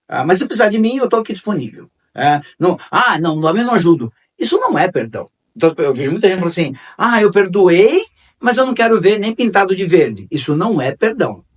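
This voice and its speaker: A man's voice: fairly high pitch, slightly rough, far from the mic. A man hosting a conversational talk on forgiveness, repeating key phrases and telling stories. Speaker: host.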